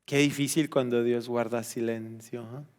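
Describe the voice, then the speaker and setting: A male pastor preaching a sermon, questioning the congregation and swinging from loud exclamations to hushed, slow emphasis. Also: mid-range voice, steady tone, in a large hall. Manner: addresses the congregation directly with questions.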